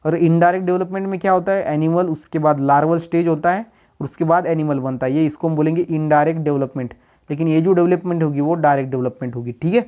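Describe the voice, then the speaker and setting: A man's voice: on the high side, fairly even intonation, mellow. A man teaching biology in a lecture, asking questions and answering them himself, and switching between Hindi and English terms. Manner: reads English notes slowly, then explains quickly. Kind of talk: classroom lecture. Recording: dull lo-fi recording.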